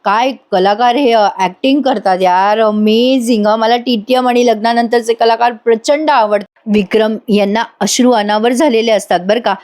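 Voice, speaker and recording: A woman with a high, bright-pitched voice chats through a recap of a TV serial. She speaks directly to her viewers in a friendly, conversational way, as if telling the story to friends. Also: fairly even intonation, normal speed, few pauses. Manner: chatty, addresses viewers directly. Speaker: TV serial reviewer. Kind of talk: casual episode recap narration.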